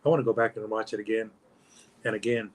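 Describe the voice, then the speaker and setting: A man co-hosting a boxing talk show, speaking enthusiastically with halting restarts. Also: fairly low pitch, steady tone. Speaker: podcast co-host. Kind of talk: casual chat.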